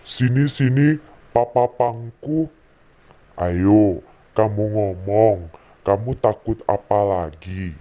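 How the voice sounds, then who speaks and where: A man's voice: on the low side, slow, long pauses, mellow. A man voicing a patient father who tells his child a Bible story at bedtime, speaking in a soothing way. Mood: curious. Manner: soothing, acts out voices in the story.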